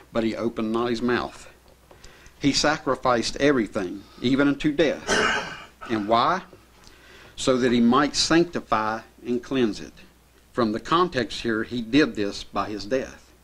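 Standing at the pulpit microphone of a small indoor chapel, a middle-aged man preaches a sermon in a medium-pitched voice. Earnest and steady, he reads from scripture and unpacks each passage at a measured, even pace.

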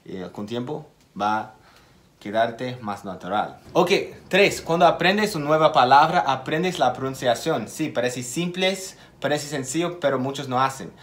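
A man teaching a casual video lesson at an unhurried, careful pace. He repeats key words for emphasis and stumbles a little in his Spanish. His voice sits in a middle register. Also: mid-range voice, lively intonation, a bit bright. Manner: makes small slips in his Spanish. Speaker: English teacher.

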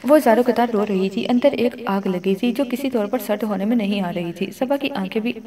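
A woman reading a novel aloud as audiobook narrator, with steady storytelling. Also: mid-range voice.

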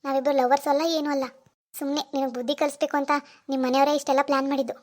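A woman voicing a young hired actress in a cartoon, calm, frank and matter-of-fact. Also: high voice, fast, lightly acted. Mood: explaining. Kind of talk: animated cartoon dialogue.

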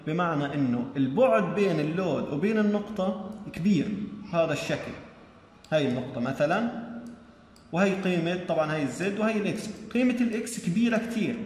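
A man teaches an engineering class. He works through each step and keeps checking that the students follow. His voice sits a little high and carries in a roomy, reverberant hall. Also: lively intonation, fast talker, a little mellow, slight background noise. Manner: explains step by step, often checks with "تمام؟". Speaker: lecturer. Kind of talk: recorded engineering lecture. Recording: echoey room with long reverb.

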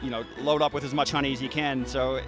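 Over background music, a man in his thirties who keeps bees gives an interviewer a casual explanation beside the hives in a garden. He has a mid-range voice and speaks quickly, sounding relaxed while restarting frequently and filling gaps. He's recorded on a handheld interview mic.

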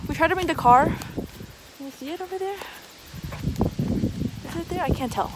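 A young woman casually vlogging at a rural campsite, chatty and relaxed, filming with a handheld camera at arm's length. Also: very high-pitched, moderate pace, very noisy. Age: young adult. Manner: chatty, relaxed, filler-heavy. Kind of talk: casual travel vlog. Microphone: handheld camera or phone at arm's length.

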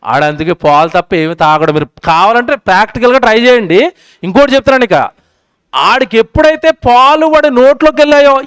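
A male preacher gives a sermon at a public meeting and keeps firing questions at the crowd. His voice sits high and rings smooth and clear, and it swings between loud and soft. The sound is dry and close. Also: no room sound.

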